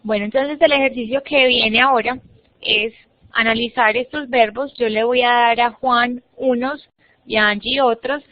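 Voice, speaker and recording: Patient teacher on a muffled online call. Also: female voice, a little high, fairly even intonation, normal speed, no room sound. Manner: patient, explains step by step, models words for students to repeat. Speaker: English teacher. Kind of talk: online class instruction. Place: online classroom. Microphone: computer mic on a video call. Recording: muffled, dry online-class audio.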